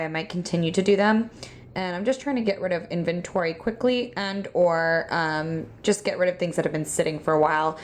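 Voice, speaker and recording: A woman's voice: fairly low pitch, a little hiss or hum. Chatty young woman vlogging from her studio. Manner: chatty, rambling, many fillers. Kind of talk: casual studio vlog chat.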